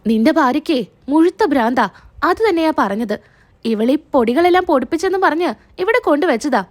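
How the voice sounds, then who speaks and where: A woman's voice: high voice, animated, fairly quick. Woman reading as a scolding scheming mother-in-law. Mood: accusing. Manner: accusing, scolding.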